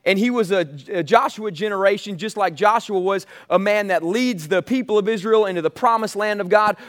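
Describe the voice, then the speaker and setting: An American man preaching as a pastor, urging his listeners on and repeating key phrases for emphasis. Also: high voice. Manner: exhortative, calls on listeners to say amen. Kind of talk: sermon.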